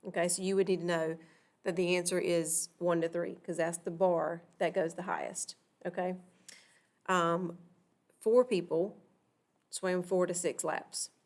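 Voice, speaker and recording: Patient woman teaching math, lower voice. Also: steady tone, unhurried, darkish tone. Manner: patient, repeats "okay?" to check understanding. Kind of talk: recorded screen-share math lesson.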